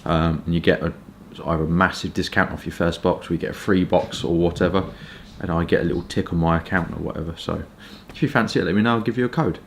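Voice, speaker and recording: A man from Kent with a southern English accent, chatting informally and hesitantly in a rambling casual review, with stop-start pauses. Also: deep voice, steady tone, creaky, slight background noise. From Kent, England. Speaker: pipe tobacco reviewer.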